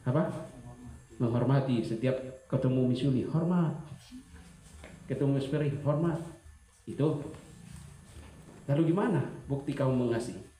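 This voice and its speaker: A man giving an Easter sermon to students, lively and full of questions, acting out teachers as he speaks. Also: mid-range voice, normal speed, long pauses, roomy sound. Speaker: school chaplain preaching to students.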